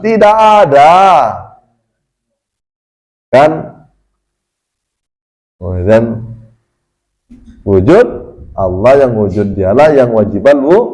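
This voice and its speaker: A man giving a casual religious study lecture as a teacher, talking conversationally and breaking into sudden high, emphatic bursts. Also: dark tone, rough recording.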